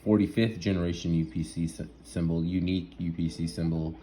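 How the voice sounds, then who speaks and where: A man talking through an idea in a rambling, excitable monologue, full of restarts and asides, laughing at himself now and then. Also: low voice, a little fast, slight background noise. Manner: rambling, restarts often, lots of fillers and "right?". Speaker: solo vlogger.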